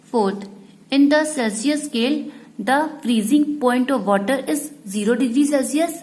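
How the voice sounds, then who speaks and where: Female teacher, high voice, slow deliberate classroom delivery, repeats points for students. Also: a little mellow.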